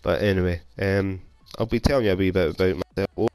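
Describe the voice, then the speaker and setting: A young Scottish gaming YouTuber with a cold rambles casually and self-deprecatingly as he plays a video game, giving relaxed gameplay commentary. His low voice is steady, fast, smooth, and darkish in tone, picked up on a console headset mic with no room sound.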